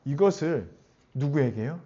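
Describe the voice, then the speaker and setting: A man preaching a sermon as pastor, animated and often putting questions to his congregation. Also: fairly high pitch, unhurried. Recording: dull lo-fi recording.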